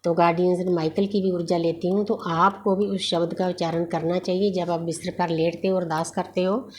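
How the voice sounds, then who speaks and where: A woman giving a spiritual tarot reading in a gentle, unhurried, reassuring way. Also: lowish voice, flat delivery, slight background noise. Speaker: tarot reader.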